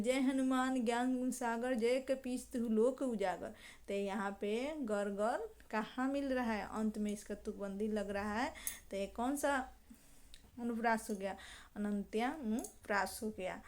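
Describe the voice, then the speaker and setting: A woman teaching a grammar lesson, posing questions and answering them herself, and reciting verse examples slowly. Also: mid-range voice. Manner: explanatory, asks and answers own questions.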